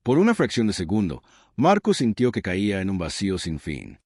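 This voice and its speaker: A man's voice: on the low side, huge pitch swings, normal speed, a little mellow, husky, no echo, studio quality. A man reading a scripted horror story in a dramatic, suspenseful storytelling manner. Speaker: narrator.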